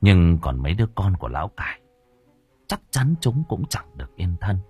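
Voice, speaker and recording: A man's voice: deep voice, big pitch swings, normal speed, a little mellow, husky, soft background music. A man narrating a first-person story as an audiobook, reading with dramatic expression.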